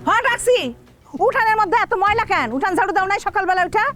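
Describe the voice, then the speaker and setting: A woman's voice: very high-pitched, quick pace. A woman playing a nagging village mother-in-law. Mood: scolding. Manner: sharp, nagging, bossy. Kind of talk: comedy drama acting.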